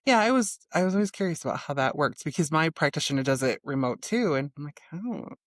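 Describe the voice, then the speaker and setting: A woman's voice: quick pace, no room sound, studio quality. A woman hosting a casual podcast interview, telling her own experience and quoting herself and others. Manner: expressive, lively pitch, quotes herself. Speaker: podcast host.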